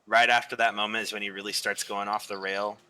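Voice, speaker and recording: A man's voice: lowish voice, little pitch movement, fast, pushed and bright, poor audio. A man co-hosting a podcast, chatting casually and agreeing eagerly. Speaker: podcast co-host. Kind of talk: casual chat.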